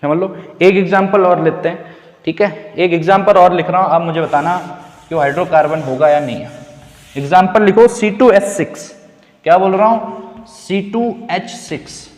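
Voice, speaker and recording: A man's voice: high-pitched, moderate pace, darkish tone. A man teaching chemistry in a classroom lecture, asking questions and answering them himself, repeating key words and calling his students "beta". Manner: calls students "beta", casual and direct. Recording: echoey roomy classroom.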